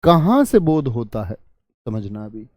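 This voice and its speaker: Male teacher, online grammar lesson, asks questions and answers them, warm tone, dry close sound. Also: medium pitch, sing-song, unhurried, no room sound. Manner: questions students and answers himself.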